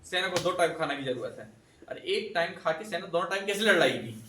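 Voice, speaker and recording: A man's voice: a little high, animated, a little fast, pushed and bright, slight background noise. A man teaching a classroom, quizzing his students and repeating their answers back to them. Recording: echoey room, voice from a distance.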